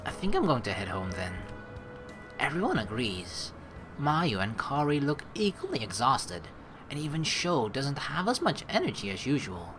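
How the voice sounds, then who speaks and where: A let's play streamer with a medium-pitched voice talks at a normal speed over music, close to the mic. He gives casual, animated playthrough commentary, reading the narration aloud, joking around and swearing freely.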